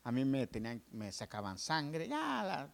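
A man's voice: medium pitch, unhurried, vocal fry. A man preaching, telling his own hospital story to the congregation, calling them brothers and acting out each voice. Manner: animated storytelling, addresses listeners as brothers; acts out dialogue with doctors and nurses. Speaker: pastor. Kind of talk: sermon testimony.

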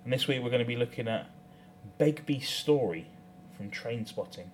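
A man's voice: mid-range voice, lively intonation, normal speed, background noise. A British man co-hosting a podcast, chatting casually and explaining things with discursive enthusiasm. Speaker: podcast co-host. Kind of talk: casual chat.

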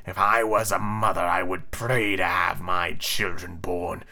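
A man voicing a proud, brooding, menacing pirate captain from a storybook, with a slow, dark delivery. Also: sits low, level tone, gravelly, pitched below the performer's own voice, exaggerated voice. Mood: brooding, petulant. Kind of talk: storybook character voice.

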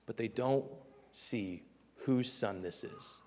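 A male pastor preaching a sermon earnestly, acting out small scenes in a quieter voice. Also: medium pitch, slow pace, in a large hall.

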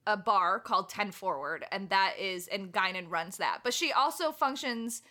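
Bright-voiced, wry woman podcaster. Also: medium pitch, expressive, moderate pace. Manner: wry, emphatic, casually profane. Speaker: podcast co-host. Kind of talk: casual film and TV discussion.

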